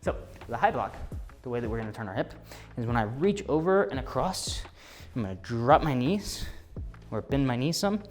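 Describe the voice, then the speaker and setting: A man's voice: medium pitch, sing-song, normal speed, soft background music. A man teaching a martial arts class as instructor, giving short, clipped counts and commands and explanations of drills. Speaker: taekwondo instructor.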